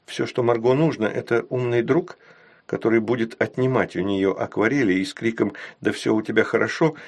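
A man's voice: medium pitch, a little fast, natural voice. A man voicing a clever young woman who explains things in a dry, matter-of-fact way. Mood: explaining.

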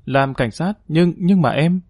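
A male reader voicing an eager, excitable young man who talks boastfully, recorded dry. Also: a little high, measured pace, dry recording, voice pushed up.

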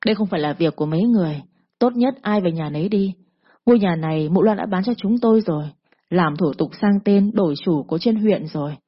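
Woman doing a cocky thug, bullying drawl, husky and low, lo-fi storybook read. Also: a little fast. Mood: menacing. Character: swaggering male gangster loan shark, lewd and cocky. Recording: dull lo-fi recording.

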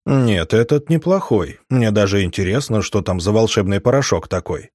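A man reading the lines of a cautious, wry male mage in an audiobook, in a measured voice close to his own. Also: on the low side, expressive, darkish tone, no room sound.

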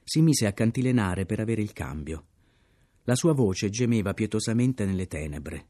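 Low-voiced man reading a novel expressively. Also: expressive, moderate pace, warm tone. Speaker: audiobook reader. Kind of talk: literary audiobook narration. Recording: narration over clear background music.

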